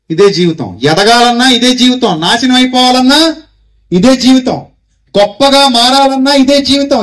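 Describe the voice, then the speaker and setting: A male pastor with a Telugu accent delivers an exhorting sermon in a high voice. He fires rhetorical questions at his listeners and leads them in repeated call-and-response lines. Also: fairly bright tone. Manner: exhorting, calls congregation to repeat phrases. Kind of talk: Christmas sermon.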